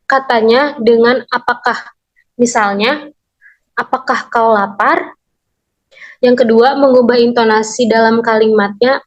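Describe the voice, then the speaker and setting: A young woman, a university student, reading a lesson summary aloud in a steady, list-like way, numbering each point. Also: on the high side, muffled recording. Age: young adult.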